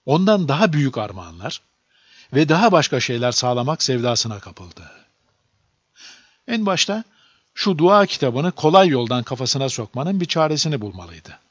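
A man narrating a children's storybook aloud in a lively, expressive reading. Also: on the high side, moderate pace, no room sound. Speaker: audiobook narrator. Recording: dull lo-fi dry recording.

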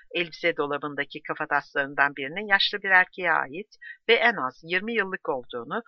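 A man narrating a true crime story with a measured, steady delivery. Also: high voice, no echo. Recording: dull dry close recording.

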